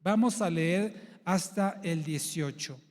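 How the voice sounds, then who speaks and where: A pastor delivers his sermon in a high voice, unhurried and deliberate. He teaches by posing question after question to his congregation. The sound carries a long reverberation from the church hall. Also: darkish tone.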